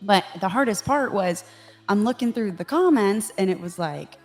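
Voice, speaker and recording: A woman's voice: mid-range voice, lively intonation, normal speed, darkish tone, faint music behind. A woman in her thirties, a life coach, talking candidly and with self-mocking humor in a podcast interview, laughing often. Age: 30s.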